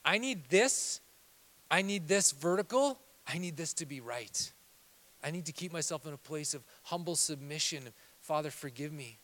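A male pastor preaching a sermon in church, moving between quiet confessional passages and loud, fervent exhortation. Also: on the high side, lively intonation, normal speed.

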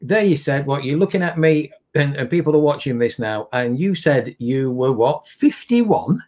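A man hosts a casual live stream, talking in a chatty way with frequent restarts and repeated words. His voice sits at an average pitch for a man. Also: animated, moderate pace, darkish tone. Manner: chatty, repetitive restarts, friendly laughs. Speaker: host.

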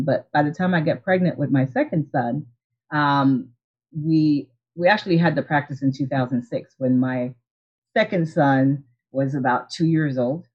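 Over a video call, a guest, an optometrist and practice owner from Haiti in her forties, shares her story in casual interview form. Her voice sits low and the sound is lo-fi. She speaks earnestly and reflectively, with frequent restarts and soft laughter.

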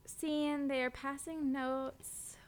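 A young woman with a slightly high voice chats about a book. She is giggly and acts out lines from the scenes as she talks. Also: little pitch movement, slow. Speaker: podcast co-host. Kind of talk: casual book-discussion chat.

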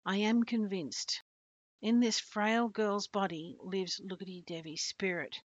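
A woman's voice: mid-range voice, fairly even intonation, a little slow, dry recording, natural voice. A woman reading as a tactful middle-aged man. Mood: convinced. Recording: dull lo-fi dry recording.

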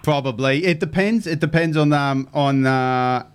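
Matey Queensland radio host, highish male voice. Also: a little slow, slight background noise. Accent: Queensland Australian. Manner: matey, chummy with callers. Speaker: radio fishing show host. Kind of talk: casual live radio chat with callers. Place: radio studio.

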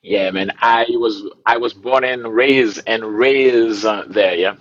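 A man's voice: lowish voice, takes it slowly, a bit bright, lo-fi sound. A man from Haiti, a musician, talking in a laid-back way with fillers and laughs in a casual interview. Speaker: musician guest.

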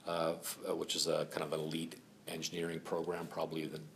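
A man's voice: very deep voice, completely flat delivery, fairly quick, creaky, fairly bright tone, slight background noise. A middle-aged man from Finland telling his life story at a lunch meeting in a frank, rambling way with many fillers. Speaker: speaker at a member spotlight. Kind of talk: casual personal story.

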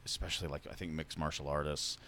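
A man's voice: a bass voice, flat delivery, quick pace, pushed and bright, slight background noise. A man chatting casually as a podcast co-host, rambling with lots of fillers. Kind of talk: casual chat.

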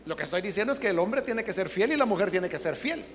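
A woman's voice: mid-range voice, expressive, fast talker. A woman preaching a sermon. She speaks emphatically and keeps asking rhetorical questions. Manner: emphatic, rhetorical questions, acts out quoted voices. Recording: long hall reverb, faint background noise.

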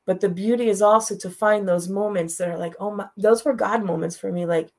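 Middle-aged woman telling her story straight, direct and heartfelt, gravelly voice. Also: medium pitch, steady tone, a little fast. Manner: direct, heartfelt, repeats phrases. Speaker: guest. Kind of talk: emotional storytelling.

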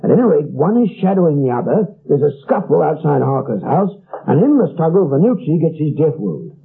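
An actor playing a self-satisfied, dogged London police inspector in an old radio drama, emphatic, with a British accent. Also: male voice, on the high side, sing-song, fairly quick, creaky, slightly rough, heavily acted. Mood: smug, boastful. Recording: muffled, lo-fi vintage radio recording.

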